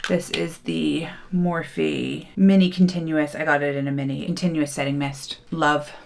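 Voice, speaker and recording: A woman's voice: deep voice, steady tone, moderate pace, creaky, darkish tone. Heartfelt chatty woman beauty vlogger. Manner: heartfelt, chatty, gushing about products. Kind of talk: casual reflective talk while doing makeup. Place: home room, hot.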